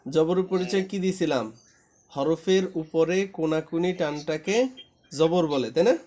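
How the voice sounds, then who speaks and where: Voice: mid-range voice, fairly even intonation, normal speed, darkish tone. A Quran reading teacher in a live class, patiently repeating each syllable for a student to echo back. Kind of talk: live online class, drilling letter sounds.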